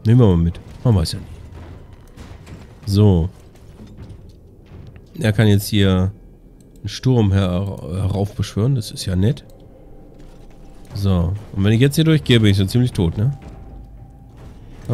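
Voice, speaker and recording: A man's voice: fairly low pitch, measured pace, long pauses. A man giving casual gameplay commentary as a let's play host, chatty and sarcastic as he mutters at his teammates. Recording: game music loud behind voice.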